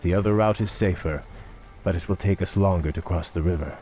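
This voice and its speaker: A very deep-voiced young elven prince, played by a man, speaks with weary courtesy. His words are formal and measured, game cutscene drama with clear music underneath. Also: warm tone, lightly acted. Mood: earnest.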